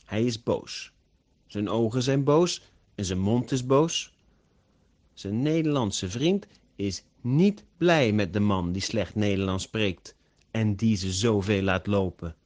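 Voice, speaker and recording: A man narrating a story slowly and carefully, as an audiobook for language learners. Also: lowish voice, expressive, darkish tone. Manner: slow, carefully pronounced.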